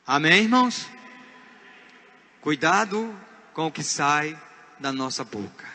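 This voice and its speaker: A man with a Brazilian Portuguese accent preaching a sermon as pastor. He is emphatic, swinging from hushed asides to shouted points. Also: on the high side, expressive, slow pace, big-room sound. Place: church.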